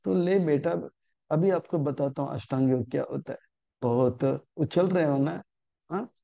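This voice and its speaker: Gravelly teasing god-teacher scolding his pupil, a man putting it on, dull lo-fi sound. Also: a little high, unhurried, warm tone. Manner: mock-stern, teasing. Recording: dull lo-fi recording.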